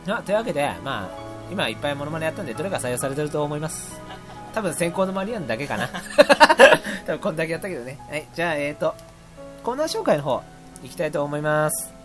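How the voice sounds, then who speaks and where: A man hosting a casual radio show, reading listener mail and rambling between laughs and quick impressions. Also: a little high, sing-song, music in the background.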